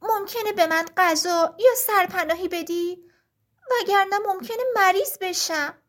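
A woman voicing a small, cold and hungry lark that pleads in a high, small voice in a storybook tale. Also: fairly bright tone. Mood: pleading.

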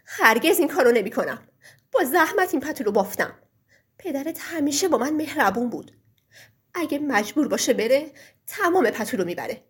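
A woman voicing a kind young wife in a storybook tale, speaking emphatically and pleading in a breathy, raised voice. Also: high voice, big pitch swings. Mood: angry. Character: kind young wife, fierce when crossed.

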